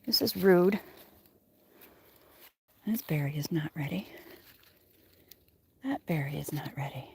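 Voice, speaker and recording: A woman with a low, darkish voice and lively intonation livestreams a neighborhood walk-along, speaking slowly and leaving long pauses. She rambles in a playful, wry, salty manner, and the handheld outdoor recording is noisy.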